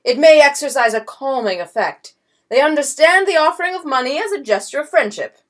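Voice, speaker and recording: For an audiobook, a woman reading a storybook voices a blustering, pompous swindler count, a bold grown man who barks commands. She pitches high above her own voice, sounding expressive, commanding, and fairly quick.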